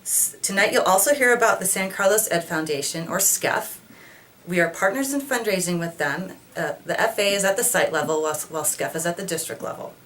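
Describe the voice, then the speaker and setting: Lower-voiced woman fundraising coordinator. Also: a little fast, a bit bright. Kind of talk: scripted announcement.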